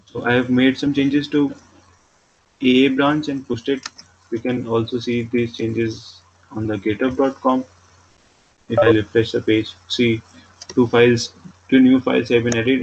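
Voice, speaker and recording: Male tech instructor, Indian accent, even monotone walkthrough, dull lo-fi mic with some background noise. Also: mid-range voice, normal speed. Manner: repetitive, simple step-by-step explaining. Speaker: programming instructor. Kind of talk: screen-recorded tutorial, explaining step by step.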